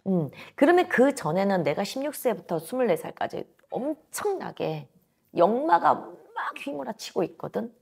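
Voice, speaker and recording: Husky, gravelly-voiced woman fortune teller. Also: medium pitch, sing-song, moderate pace, darkish tone. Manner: blunt, emphatic, talks down informally. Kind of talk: fortune-telling consultation. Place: small indoor shrine office. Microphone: lapel mic.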